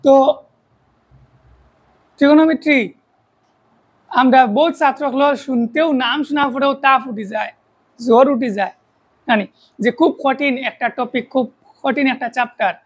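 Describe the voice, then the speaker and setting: A woman's voice: high-pitched, normal speed, long pauses, breathy edge, poor audio. A woman with a Sylheti accent teaching a math lesson for an online video, explaining step by step and often checking in with rhetorical questions.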